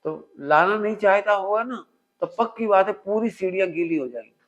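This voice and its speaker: High-pitched guy teaching a religious talk, keeps asking the crowd to repeat stuff back, muffled lo-fi sound. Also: moderate pace. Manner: quizzes listeners with call-and-response questions; animated, with everyday household examples. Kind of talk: spiritual discourse to an audience. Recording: dull lo-fi recording.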